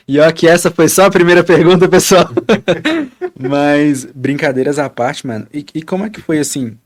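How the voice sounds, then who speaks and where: A man hosting a podcast, asking long, halting questions in a casual, rambling way. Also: medium pitch. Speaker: podcast host.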